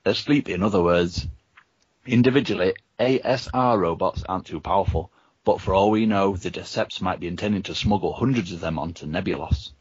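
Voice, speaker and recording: A fairly low-voiced man reads a choose-your-own-adventure book aloud to his friends, with a husky edge to his voice. He breaks into chuckles now and then. The recording is dry and a little dull. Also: a little fast, no room sound. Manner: reads the story with chuckles and asides. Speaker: podcast host reading a gamebook aloud. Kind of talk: casual reading aloud with friends.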